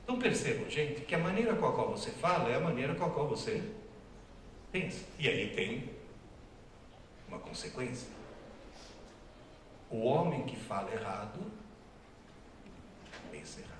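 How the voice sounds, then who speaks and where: A professor whose first language is Italian gives a humorous public lecture in an echoey hall, his medium-pitched voice wry, teasing and emphatic. He speaks at normal speed with lively intonation and frequent pauses. The recording sounds distant and very echoey, with slight background noise.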